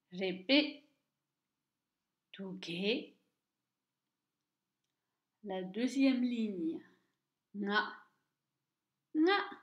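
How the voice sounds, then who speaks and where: A woman teaching Tibetan reading, speaking slowly and carefully and repeating each word twice for the listener. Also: medium pitch. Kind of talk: slow, deliberate language lesson. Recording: echoey room, dull lo-fi sound.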